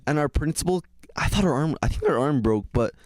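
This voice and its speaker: A man's voice: fairly high pitch, expressive, brisk, darkish tone, no room sound, studio quality. A young man co-hosting a podcast, trading teasing jokes and telling stories in casual chat. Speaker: podcast co-host.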